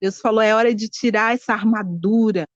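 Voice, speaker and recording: A woman's voice: medium pitch, steady tone, a little fast, dry recording. A woman giving a heartfelt church testimony, earnest and pleading as she recounts prayer. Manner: emotional, quotes God in an earnest pleading voice. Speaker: women's ministry member giving testimony. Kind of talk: spoken testimony. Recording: dull, muffled lo-fi sound.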